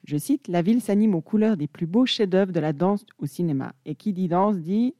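A woman's voice: on the low side, animated, normal speed, dark tone, no room sound, clean studio sound. A young woman presenting an enthusiastic music chronicle on the radio.

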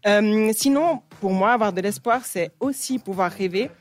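A woman presents a music segment in a radio studio, telling the story behind a song in a lively, explanatory way. Soft music plays faintly behind her. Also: mid-range voice, normal speed. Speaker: radio columnist.

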